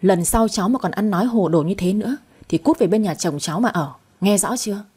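Old man, stern grandfather and doting husband in a spoken story, read by a woman; breathy, mellow. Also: medium pitch, brisk. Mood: scolding. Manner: scolding toward granddaughter, tender toward wife.

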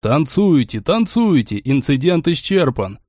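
Man doing a fussy fast-talking marquis, placating, dry close sound, audiobook. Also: on the high side, sing-song, a little mellow, no room sound. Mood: exuberant.

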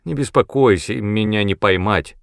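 A man's voice: on the low side, normal speed, creaky, dry recording, studio quality. A man voicing a bold orphan boy who talks back in a ringing, defiant voice. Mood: eager.

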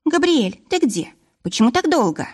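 A woman's voice: high voice, very animated, moderate pace, pitched above the performer's own voice. A woman reading an audiobook voices a pampered, clingy young woman with a pouting manner.

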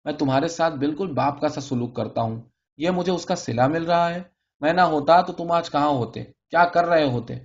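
A man reading as a pompous middle-aged pharmacist in an audiobook, scolding in a self-righteous tirade. The voice sits a little high, and the recording is dull and lo-fi. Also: close to an everyday voice.

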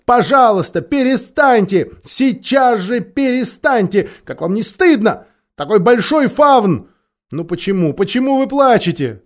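A man doing a worried kind little girl, raised pitch, coaxing, insistent, storybook voice. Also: animated, normal speed, warm tone. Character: kind earnest young girl, worried and caring. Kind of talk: audiobook character voice.

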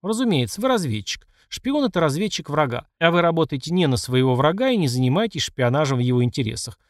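Man reading a calm, teasing old emperor. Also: fairly high pitch, no room sound, studio quality. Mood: amused calm. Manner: politely teasing, unhurried. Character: calm ironic aging male emperor, bald.

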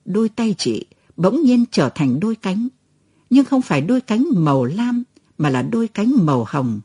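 A woman who reads a story aloud in a tender, expressive manner. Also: mid-range voice, normal speed, breathy edge, dry recording, studio quality. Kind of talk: storybook narration.

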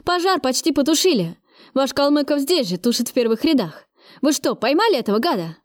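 Lady reading as a happy loud middle-aged guy yelling news over the radio, kinda high. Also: very animated, a little fast, dry recording, studio quality. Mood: glad. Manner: loud, glad, shouting over noise.

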